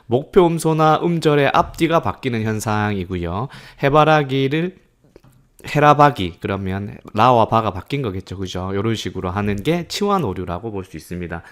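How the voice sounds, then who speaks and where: Man giving a lively lecture. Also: on the low side, brisk, few pauses. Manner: explains step by step, modeling patients' speech errors aloud, with frequent fillers. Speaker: speech therapy lecturer. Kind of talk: explanatory lecture.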